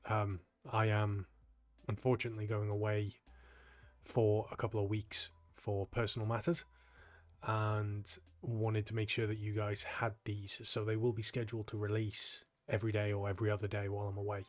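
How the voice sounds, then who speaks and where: A young man, a gaming channel host, casually talking through a gameplay guide in a relaxed, explanatory way, sounding tired and yawning. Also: on the low side, moderate pace. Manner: relaxed, explanatory, frequent ums.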